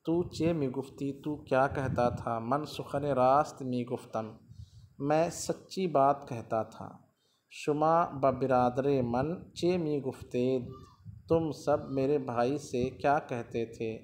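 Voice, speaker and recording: A man's voice: mid-range voice, takes it slowly, darkish tone, slight background noise. A man with an Indian Urdu accent teaching a grammar lesson, patiently explaining and repeating each form with its translation.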